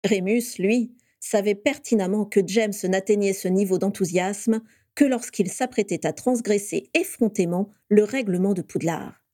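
A woman reading a story aloud with steady storytelling, giving each character a voice. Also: mid-range voice, measured pace, no echo, studio quality. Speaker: reader.

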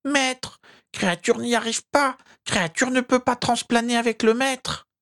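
A fretful old house-elf servant, voiced by a woman speaks in a creaky, grating voice, pitched above a plain adult's. He calls himself by name in the third person and begs his master, the whole time anxious and devoted, as in an audiobook character reading. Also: measured pace, fairly bright tone. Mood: urgent.

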